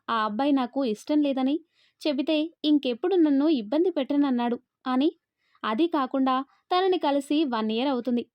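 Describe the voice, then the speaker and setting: A woman narrating a love story and reading every character's lines in one steady, quick delivery. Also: high-pitched, no echo, dull audio. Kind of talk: scripted narration of a love story, all parts read by one voice.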